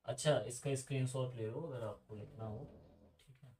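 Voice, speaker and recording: A man's voice: medium pitch, moderate pace, roomy sound, far from the mic, background noise. A man teaching a computer lesson in a casual, chatty way, asking his students questions and drifting into side stories.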